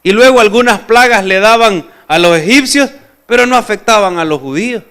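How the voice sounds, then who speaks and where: A male pastor preaching with a bright, crisp and smooth voice, pitched a little high for a man. He puts questions to the congregation and delivers his points expressively. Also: expressive, a little fast. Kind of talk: sermon.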